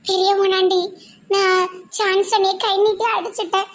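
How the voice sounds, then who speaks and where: Very high squeaky cartoon wife with a Tirunelveli accent, quick to anger and quick to regret, played by a woman. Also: little pitch movement. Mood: remorseful. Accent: Tirunelveli Tamil. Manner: squeaky, scolding and emphatic. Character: hot-tempered young village wife, generous and impulsive. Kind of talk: comic cartoon voice acting.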